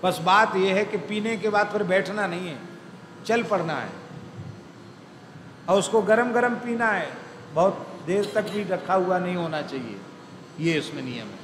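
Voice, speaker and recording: A man with a high voice preaches in an unhurried way, telling stories to the gathering and stressing key words by repeating them. His voice rings through a large, echoey hall. A faint hum of noise sits underneath. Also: fairly bright tone. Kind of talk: devotional discourse with storytelling.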